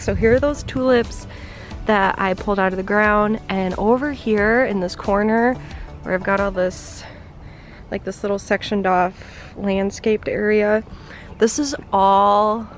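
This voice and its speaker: A woman chatting casually about her garden projects, partly on camera and partly in voice-over, with lots of "like" fillers. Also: medium pitch. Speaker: home gardening vlogger. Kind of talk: casual vlog chat and voice-over.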